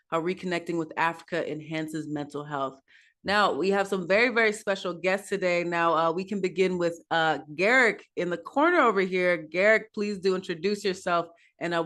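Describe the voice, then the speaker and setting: A woman's voice: fairly low pitch, fairly bright tone. A woman hosting an online panel talk show over a video call, upbeat and loose, with many fillers. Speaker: host.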